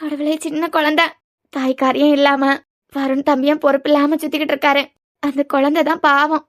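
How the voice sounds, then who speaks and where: A woman voicing a kindly older shop worker in a cartoon serial, gently explaining with a Kanyakumari Tamil accent. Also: sits high, level tone, fairly quick. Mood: concerned.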